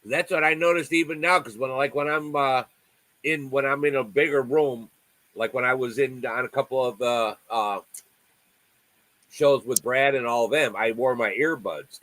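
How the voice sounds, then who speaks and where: A man's voice: medium pitch, moderate pace, fairly bright tone, rough recording. A man in his sixties hosting a casual livestream chat from home on a video call, talking in a friendly, rambling way with many restarts. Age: 60s. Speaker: livestream host.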